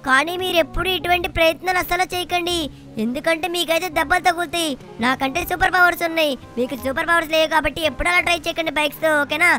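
Shinchan, a squeaky bragging little boy, voiced by a woman. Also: steady tone, very fast, faint music behind. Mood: excited boasting. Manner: shouty, bragging, teasing. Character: cheeky mischievous little boy, boastful prankster. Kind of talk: GTA game play-along voicing.

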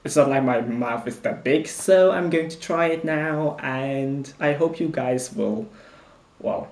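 Slow-talking young man in an echoey room. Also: medium pitch, darkish tone. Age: young adult. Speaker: challenge vlogger. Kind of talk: casual chat to camera. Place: bedroom, indoors.

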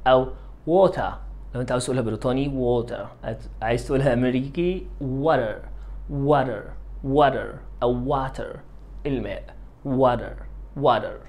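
A man with an Egyptian Arabic accent teaching English words to young children, repeating each one many times and stretching the English phrases out slowly. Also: medium pitch, darkish tone. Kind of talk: classroom-style vocabulary drilling.

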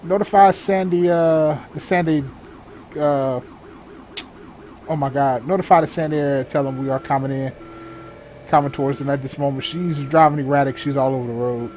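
This man's voice sits on the high side, a little mellow, steady in tone and moderate in pace, with a bit of hiss or hum. As a gamer in a police patrol role-play, he voices a sheriff's deputy, improvising radio call-outs of clipped procedural jargon laced with casual muttered remarks. Game vehicle and ambient sounds fill the background.

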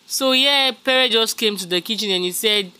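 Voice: mid-range voice, moderate pace, bright, forceful tone, clear, resonant tone. A host giving a chatty, casual gossip recap of a reality show, talking straight to the viewers. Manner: chatty, calls viewers "guys", many fillers.

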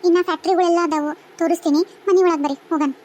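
Woman voicing a wailing ghost wife, sky-high. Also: fairly even intonation, a little mellow. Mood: earnest. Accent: North Karnataka Kannada. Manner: very high, fast, pleading and wailing. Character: grieving young ghost wife, murdered, tearful. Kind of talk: cartoon voice acting.

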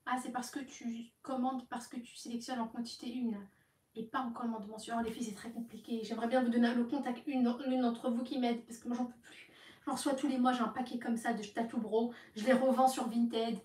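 A young woman telling her followers about phone calls in a casual, animated way, acting out the other side of each call. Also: a little high, fairly quick. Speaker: live streamer talking to her followers. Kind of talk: casual storytelling to viewers. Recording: echoey room, voice from some distance.

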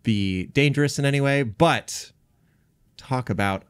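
A man's voice: mid-range voice, a little slow, clear, resonant tone, no room sound. Playful male podcast trivia presenter. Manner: playful, jokey. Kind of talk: casual chat, reading trivia.

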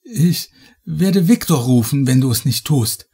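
A man's voice: mid-range voice, unhurried, dark tone, slightly rough, pitched above the performer's own voice. A man reading a horror audiobook, voicing a terrified young woman who pleads frantically with her captor. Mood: frantic.

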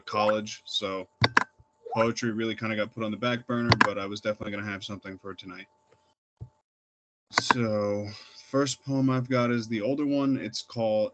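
A man's voice: fairly low pitch, dull audio, noisy background. A young man reading his own poems aloud at an open reading, plain and unpolished, with fillers between poems. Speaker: poet reading. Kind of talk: poetry reading.

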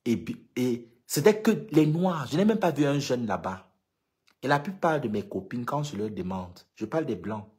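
The pitch swings widely around a medium center, at a moderate pace with a darkish quality. It belongs to an activist for LGBT causes in Cameroon, speaking with a Cameroonian French accent. They address followers casually in a vlog monologue, stressing points by repeating them.

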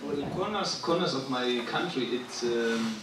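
A Syrian rapper in his twenties, appearing as a guest artist, talks on a large theater stage before a live audience, halting and searching for words. His mid-range voice is animated but sits far from the mic, picked up from afar on an echoey stage with background noise.

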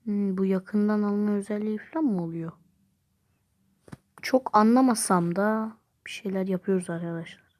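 A woman's voice: medium pitch, moderate pace, a little mellow. Chatty woman reacting to a mobile game. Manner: chatty, exclaims and groans at the game. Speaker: gameplay vlogger. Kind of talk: casual game commentary. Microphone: phone.

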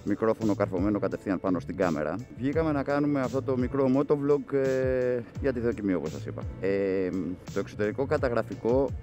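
A man's voice: medium pitch, few pauses, mellow, faint music behind. A man with a Greek accent chatting in a loose, rambling way while riding his motorcycle at night, talking into a small recorder mic inside his helmet. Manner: rambling, self-mocking, full of fillers. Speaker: motovlogger. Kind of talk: casual chat while riding. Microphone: external recorder mic inside a helmet.

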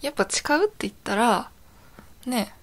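A woman acts out a young girlfriend in an intimate audio role-play, with a fairly high voice. She is softly clingy and devoted, with a sweetness that feels eerily obsessive and possessive. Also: big pitch swings, moderate pace. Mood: sweet, possessive.

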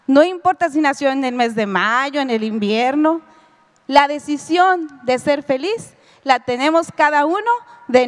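A middle-aged woman giving a lecture with a personal testimony, telling her story and speaking directly to her audience. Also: sits high. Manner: storytelling, addresses listeners directly, acts out quoted dialogue. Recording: long hall reverb.

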